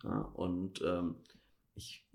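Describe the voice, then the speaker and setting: A dentist in his thirties from Germany's Ruhr area chats at ease on a relaxed podcast, his low, monotone voice showing vocal fry. He draws out phrases and uses lots of fillers, with heavy background noise.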